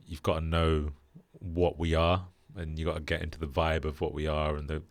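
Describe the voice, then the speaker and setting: A young British man hosting a casual podcast chat, relaxed and flat in delivery with lots of fillers. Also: rumbling low, normal speed, dry recording. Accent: British English. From Britain. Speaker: podcast host.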